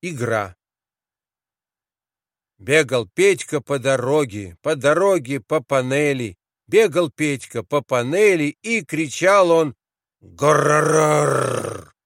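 Man, children's poem reading, sing-song cadence, fairly high voice, dry close sound. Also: animated, takes it slowly, no room sound. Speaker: reader.

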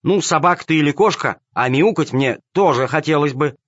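A man voicing squeaky, mocking little male kittens who think they are dogs, in a storybook reading on a dull, dry recording. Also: fairly quick, fairly bright tone, dry recording.

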